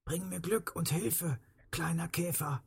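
A storyteller voicing a hurt, helpless older neighbor man who wails high and far-off for help in a children's story. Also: measured pace, vocal fry, husky, exaggerated voice. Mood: soft, hushed. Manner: pained, wailing cries for help. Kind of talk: storybook reading. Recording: faint music behind.

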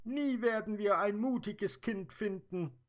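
A man voicing a tearful female dream fairy in a high, lamenting storybook voice. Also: takes it slowly.

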